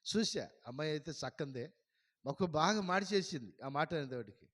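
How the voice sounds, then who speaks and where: Storytelling pastor. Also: male voice, fairly high pitch, moderate pace. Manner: lively storyteller who acts out dialogue. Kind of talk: storytelling sermon. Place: church hall. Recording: long hall reverb.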